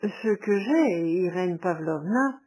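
Brief: a woman reading a tormented young man, halting, slow, breathy. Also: fairly low pitch, animated, dark tone, heavily acted, rough recording. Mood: strained. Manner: strained, halting. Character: troubled young man confessing love.

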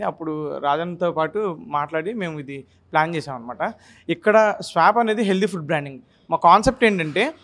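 A young man interviewed in a restaurant, explaining his menu with fillers and English words mixed in, into a handheld mic. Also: a little high. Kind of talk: casual interview answers. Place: restaurant inside a gym, indoors. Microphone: handheld mic held by reporter.

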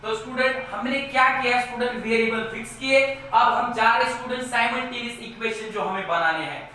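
A man teaching a math lesson, talking slowly and repeating words as he writes on the board. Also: very high voice, bright, forceful tone, a little hiss or hum. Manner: slow, repeats words while writing, keeps saying "student". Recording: echoey room.

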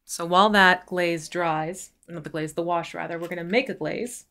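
Female painting instructor, slightly low voice, chatty step-by-step stream tutorial. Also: fairly even intonation, moderate pace, a bit bright. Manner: explains steps while working, chatty and laughing.

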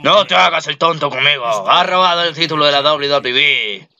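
A man's voice: fairly high pitch, a little fast, creaky, sharp tone, exaggerated voice. A man voicing a stern, blunt older male company boss. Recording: lo-fi muffled recording.

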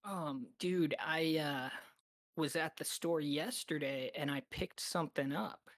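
A woman chatting casually on a podcast, relaxed and hesitant, with many fillers. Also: low voice, a little slow, no room sound, studio quality. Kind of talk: casual chat.

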